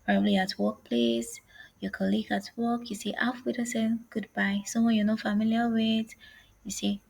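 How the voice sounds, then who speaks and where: A woman teaching an online language lesson, speaking slowly and carefully and saying each phrase twice. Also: on the high side, little pitch movement, gravelly, darkish tone, poor audio.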